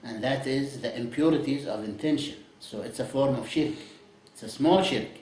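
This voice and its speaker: Male teacher, English lecture, lively with chuckles, mid-pitched voice, roomy echo. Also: moderate pace. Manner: explains in English with Arabic phrases, asks "you see?", "okay?"; lively, chuckles at his own examples. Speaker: Islamic studies teacher. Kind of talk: classroom lecture. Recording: echoey lecture room.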